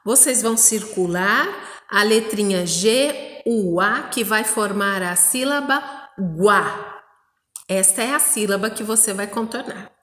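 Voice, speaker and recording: A Brazilian Portuguese primary school teacher giving a recorded lesson to young children, spelling out syllables slowly and often checking with "não é?". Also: female voice, medium pitch, a bit bright, echoey room, in a large hall.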